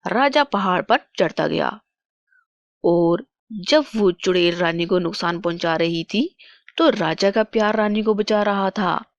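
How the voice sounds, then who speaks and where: Slow, dry woman storyteller. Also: mid-range voice, dry recording, lo-fi sound. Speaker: narrator. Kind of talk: scripted storybook narration.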